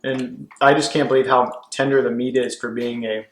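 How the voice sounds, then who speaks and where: A man's voice: mid-range voice, little pitch movement, moderate pace, fairly bright tone, reverberant, poor audio. A man co-hosting a home food vlog, describing each bite with enthusiasm. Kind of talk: casual food-tasting chat.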